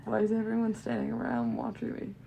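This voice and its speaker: A woman's voice: a little high, little pitch movement, fairly quick, vocal fry, warm tone, husky, highs cut off, heavily acted. A woman voicing an indignant, outspoken young heiress heroine in a story game, dramatically read.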